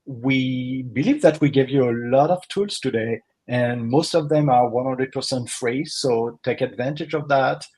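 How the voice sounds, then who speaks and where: Husky-voiced man hosting a marketing webinar. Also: medium pitch, unhurried, hardly any pauses, darkish tone. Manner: earnest, frequent uh fillers, slight non-native phrasing. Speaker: webinar co-host, marketing consultant. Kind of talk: live webinar presentation.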